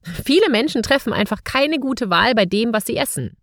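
A woman's voice: on the high side, animated, normal speed, fairly bright tone, no room sound, studio quality. A woman hosting a podcast, speaking straight to the listener in a scripted monologue full of rhetorical questions. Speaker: podcast host.

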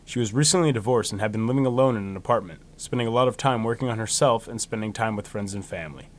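A man hosting a true crime podcast, reading a scripted story in a solemn, measured way, with phrases that trail downward. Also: fairly low pitch, a little hiss or hum. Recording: music behind the voice. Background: music bed.

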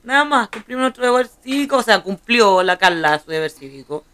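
A woman's voice: on the high side, expressive, brisk, fairly bright tone, a little hiss or hum. A young Chilean woman co-hosting a podcast, chatting casually with teasing, dry remarks. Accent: Chilean Spanish. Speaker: podcast co-host. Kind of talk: casual chat.

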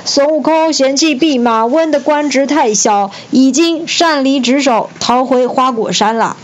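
A woman's voice: high voice, darkish tone, highs cut off, voice pushed up. Woman doing a flustered old court official. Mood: alarmed. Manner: hurried, anxious.

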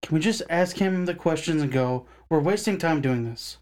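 A man voicing an impatient, snarky young man who is quick to anger. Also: fairly high pitch, a little mellow, pitched above the performer's own voice, close to an everyday voice. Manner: snarky, impatient, angry outbursts. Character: hot-headed young man, impatient sidekick.

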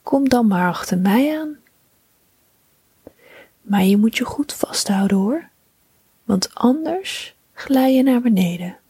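A woman voicing a gentle, friendly male koala in a bedtime story, speaking in a soft, kind whisper. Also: fairly high pitch, animated, slow pace, pauses often, husky, dry recording, heavily acted. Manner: kind, inviting.

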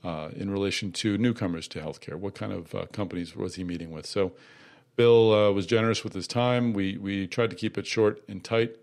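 A man's voice: on the low side, steady tone, brisk, gravelly, darkish tone. A man hosting a podcast, introducing a guest and asking questions in a conversational, filler-heavy way. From Boston area. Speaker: podcast host.

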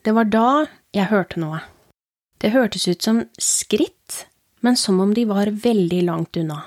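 A woman hosting a horror podcast, reading short scary stories aloud in a slow, hushed storytelling manner. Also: medium pitch, no room sound, studio quality.

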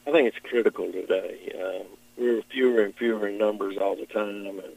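A middle-aged man with a Kentucky Southern accent, answering interview questions as a farmer in a plain-spoken, halting, measured way. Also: lowish voice, fairly even intonation, gravelly, darkish tone, rough recording. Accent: Southern American, Kentucky.

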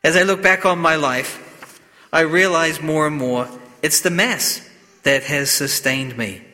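Inside a church, a slow-speaking man gives a sermon and reads scripture at Mass, his voice fairly high, pushed and bright. His phrasing stays solemn, deliberate and measured. A long echo, like a cathedral's, fills the recording.

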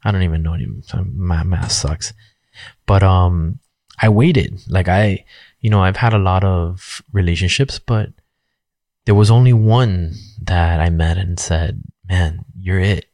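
A man's voice: low voice, unhurried, a little mellow, no echo, studio quality. A man in his forties speaking candidly and frankly in a rambling personal monologue, swearing casually and using lots of fillers. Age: 40s.

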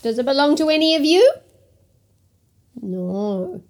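Kiwi lady kids storyteller, slow and high voice, dramatic gasps, coaxing questions. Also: big pitch swings, darkish tone. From New Zealand. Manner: theatrical, gasping, coaxing questions. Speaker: children's storyteller and host. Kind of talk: interactive storytelling for young children.

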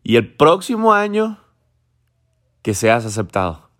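A man's voice: mid-range voice, big pitch swings, unhurried, fairly bright tone. A man voicing a caring mother who comforts and urges on her upset teenage son. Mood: encouraging. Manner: soothing, then urging.

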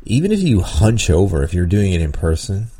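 Low-pitched yet sing-song, his mellow, husky voice moves briskly. The man hosts a podcast and, as a dungeon master, rambles casually through game-master advice, chuckling often and restarting with many ums.

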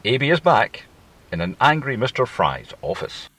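Husky, swooping male narrator. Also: medium pitch, big pitch swings, normal speed, fairly bright tone. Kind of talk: scripted scene-setting narration.

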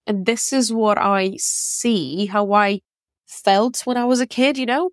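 A woman's voice: mid-range voice, no echo, clean studio sound. Woman in her thirties, candid podcast monologue. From Ukraine, grew up in Russia. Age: 30s. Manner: candid, musing, with frequent fillers and restarts. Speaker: podcast host. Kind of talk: reflective personal monologue.

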